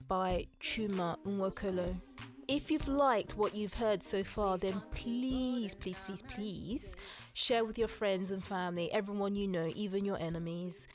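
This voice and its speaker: Woman podcast host, chatty and upbeat, bit of music faint behind her. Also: medium pitch. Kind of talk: casual podcast sign-off.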